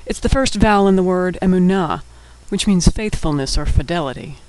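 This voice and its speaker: A man's voice: sits high, brisk, a little mellow, smooth, no echo, rough recording. A man walks through a recorded language lesson. He is patient and sounds out each word syllable by syllable, like a teacher at a whiteboard.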